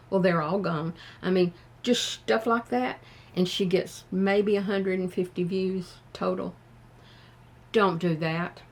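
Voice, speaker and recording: An older woman with a Southern US accent gives frank, plain-spoken advice to her viewers, talking slowly and thoughtfully. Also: on the low side. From American South. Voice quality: slow and thoughtful. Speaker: vlogger. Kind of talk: casual advice talk to camera.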